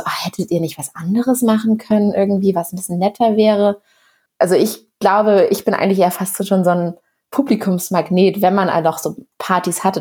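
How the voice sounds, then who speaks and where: A woman in her thirties, a founder being interviewed, talking in a relaxed, chatty way and sometimes searching for words. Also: lowish voice. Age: 30s. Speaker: startup founder guest. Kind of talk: casual interview.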